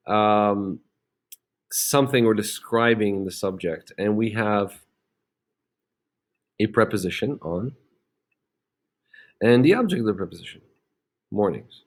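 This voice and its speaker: A man's voice: on the low side, a little mellow. A man teaching a grammar lesson, explaining step by step with frequent "okay?" checks and fillers. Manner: plenty of fillers and restarts.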